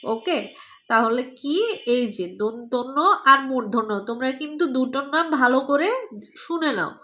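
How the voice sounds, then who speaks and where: A woman with a Bangladeshi Bengali accent teaching children letter sounds, saying each one slowly and repeating it for them to echo. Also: sits high, bright, forceful tone. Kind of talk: children's pronunciation lesson.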